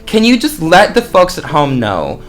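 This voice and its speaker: Upbeat interview host, mid-pitched, chatty with viewers, music behind. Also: wildly swooping pitch, normal speed. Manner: upbeat, addresses viewers as "you guys". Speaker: show host. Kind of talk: casual interview hosting. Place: podcast studio.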